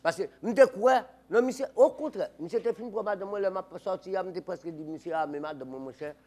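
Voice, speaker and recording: A man's voice: high voice, a little fast, dark tone, close to an everyday voice. A man playing a rambling Haitian debater. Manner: rambling, repetitive, laughs while talking. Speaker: comedy sketch character. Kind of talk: improvised comic debate sketch.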